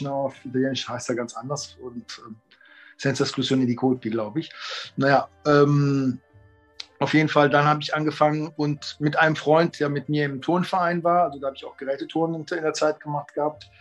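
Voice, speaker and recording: A man in his fifties, raised between Italy and Germany, telling his story as an interview guest, rambling with many fillers and restarts. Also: mid-range voice. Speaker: kung fu teacher, guest. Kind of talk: casual interview talk.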